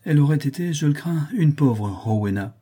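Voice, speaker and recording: A man's voice: a little high, animated, normal speed, mellow, slightly rough, pitched above the performer's own voice. A man reading an audiobook who voices an earnest, anxious young woman who speaks hesitantly and explains herself. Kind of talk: audiobook character voice.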